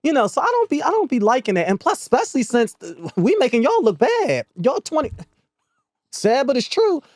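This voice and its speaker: A woman's voice: sits high, huge pitch swings, a little fast, a little mellow, no echo, clean studio sound. A woman in her forties with a Philadelphia accent, chatting candidly and sassily as a podcast guest, laughing often. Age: 40s. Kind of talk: casual podcast chat.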